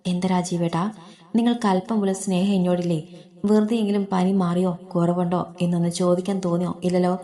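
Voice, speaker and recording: A woman's voice: fairly low pitch, fairly even intonation, fast talker, warm tone, natural voice. A woman voicing a sick young wife and mother who speaks in a tearful, pleading way.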